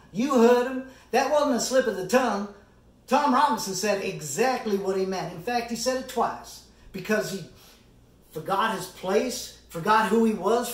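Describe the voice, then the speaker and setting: In a theatrical monologue, an amateur actor takes on the role of an earnest, impassioned defence lawyer in middle age, sounding insistent as he gives his summation. His voice is high-pitched and deliberate, full of dramatic pauses and emphatic oratory, with roomy echo from a distant mic.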